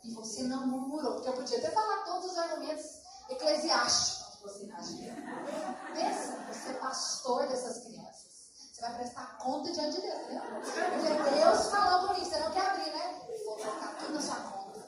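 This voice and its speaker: A woman pastor delivers a sermon, moving between story and scripture and acting out both sides of a conversation. Her voice sits high. The recording is distant and very echoey, with a steady room noise behind her. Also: a little fast. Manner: animated storytelling, acting out dialogue. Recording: echoey church hall from far off.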